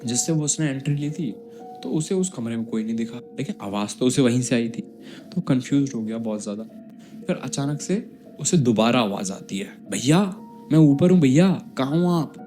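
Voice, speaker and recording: Guy chatting through a horror story, warm dark voice, talks right to the listeners, faint music behind. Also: medium pitch. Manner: conversational, with asides to listeners.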